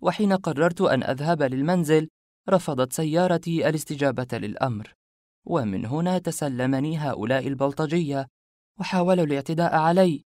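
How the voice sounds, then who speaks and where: A man's voice: mid-range voice, a little mellow, no room sound, pitched above the performer's own voice, close to an everyday voice. A charming, playful young woman from a storybook speaks in a raised, lifted voice, as a male narrator puts her on. She sounds teasing and chatty, and the dry, close recording has no room sound. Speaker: life coach character. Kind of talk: audiobook character reading.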